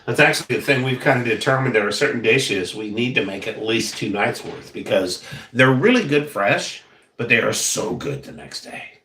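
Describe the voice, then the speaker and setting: A man's voice: mid-range voice, animated, moderate pace, bright, forceful tone, a little hiss or hum. A man with a mixed American accent lightly tinged with Southern country, chatting casually and easygoing as he co-hosts a live stream and reads out comments. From United States, lived in several regions. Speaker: live stream co-host reading viewer comments. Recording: roomy, echoey live stream.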